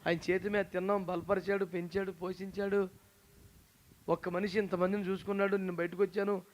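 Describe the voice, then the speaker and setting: A man preaching a sermon as a pastor in a lively, teasing way. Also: high-pitched, fairly quick. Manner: animated, teasing, acts out quoted voices.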